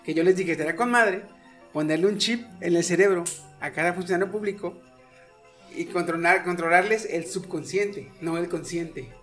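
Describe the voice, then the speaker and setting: A man's voice: high voice, normal speed, fairly bright tone, soft background music. A man with a Mexican Spanish accent, rambling and confessional while chatting as a podcast co-host. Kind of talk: casual chat among friends.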